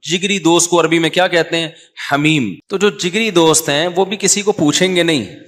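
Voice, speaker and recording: A man's voice: on the high side, fairly bright tone. A man in his forties from Pakistan, a mufti giving a conversational religious lecture to a live audience over a microphone. He wanders off on tangents and chants Arabic verses before explaining them.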